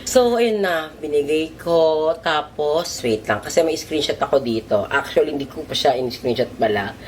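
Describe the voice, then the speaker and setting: Man, gossipy storytime vlog, animated pitch swings, faint background noise. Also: moderate pace. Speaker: vlogger. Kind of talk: casual storytime chat.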